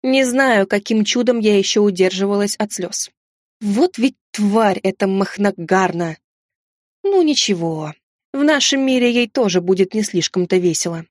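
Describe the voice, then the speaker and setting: Female audiobook narrator, first-person fantasy, wry and lively, medium pitch, dry booth. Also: no room sound.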